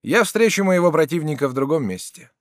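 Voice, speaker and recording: A man's voice: fairly high pitch, very animated, brisk, no room sound, clean studio sound. A man voicing a courteous, proud young nobleman who speaks formally and with dignity. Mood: dignified.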